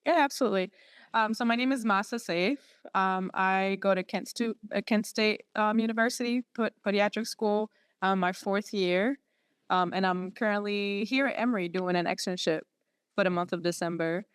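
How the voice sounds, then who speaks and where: A woman in her late twenties from Syria, a podiatry student whose first language is Arabic, shares a personal story as an interview guest. Her medium-pitched voice is smooth and resonant, captured close and dry with no echo. She speaks earnestly but haltingly, with many fillers and frequent restarts.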